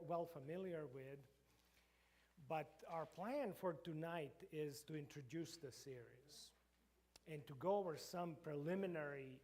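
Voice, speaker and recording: In a church meeting room, a middle-aged Croatian professor with a Croatian accent gives an informal lecture to a church group, hesitating often with fillers and restarts. His voice is fairly high-pitched with a darkish tone.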